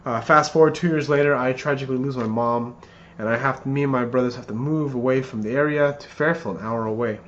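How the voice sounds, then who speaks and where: A man in his thirties rehearsing a best man's wedding speech in an earnest, somewhat halting way, often repeating phrases. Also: medium pitch. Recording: muffled lo-fi, clear background noise.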